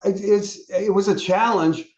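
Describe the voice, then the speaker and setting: A man's voice: sits high, steady tone, unhurried, darkish tone, reverberant. An older man, a guest on an interview show, telling rambling stories about his music career with frequent restarts and stammers. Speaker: interview guest, solo performer. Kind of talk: casual interview chat.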